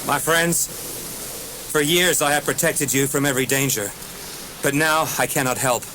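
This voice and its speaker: A man's voice: mid-range voice, normal speed, noisy background, lightly acted. A man voicing a noble male superhero in a raised, earnest heroic tone in an audiobook. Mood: solemn. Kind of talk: audiobook character voice.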